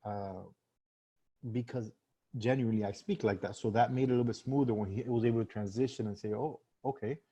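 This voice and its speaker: A man's voice: lowish voice, steady tone, fairly quick, dark tone, breathy edge. A man teaching sales in a casual live-stream talk, conversational with many fillers and restarts. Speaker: sales trainer.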